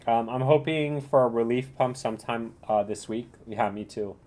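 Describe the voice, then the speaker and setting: A man hosting a casual livestream commentary, talking in a slangy bro style with a rambling, halting delivery. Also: mid-range voice, a little mellow. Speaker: livestream host reviewing cryptocurrency charts.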